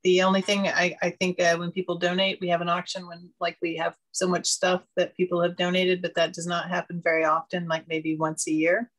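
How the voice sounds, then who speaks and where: A woman's voice: fairly low pitch, monotone, a little fast, few pauses, fairly bright tone, low-quality recording. A woman from a radio club explaining hesitantly, with many fillers, on a video call. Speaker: member of another radio club. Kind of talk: casual video call chat.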